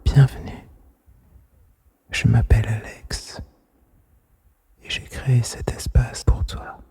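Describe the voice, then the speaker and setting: A man whispers softly and intimately in ASMR style, soothing and gentle, right up against the microphone. His mid-range voice stays level and slow, breathy and mostly unvoiced, as he hosts a whispered relaxation podcast with a guided relaxation monologue recorded close-up for headphone listening.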